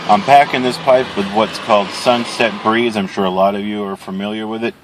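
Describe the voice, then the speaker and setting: Casting: male vlogger, fairly low voice, relaxed rambling review delivery with pauses. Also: noisy background. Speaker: pipe-smoking video reviewer. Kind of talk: casual chat product review.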